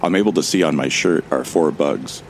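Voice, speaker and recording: There's slight background noise as a man with a bass voice narrates an audio drama. He plays a wry, calm amnesiac survivor with a self-deprecating streak, and his gravelly delivery is measured and introspective.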